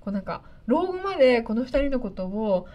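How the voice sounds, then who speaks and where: A woman's voice: fairly high pitch, very animated, a little fast, dark tone, dull audio. A woman hosting a casual chat, reviewing comics in detail and acting out bits of dialogue. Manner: chatty, acts out scenes with quoted voices.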